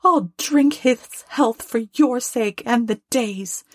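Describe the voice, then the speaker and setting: A woman voicing an indignant, sharp-tongued wife and mother in a storybook, with emphatic, scornful scolding. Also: a little high, takes it slowly, no echo, studio quality, voice pushed up. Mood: grudging, sarcastic.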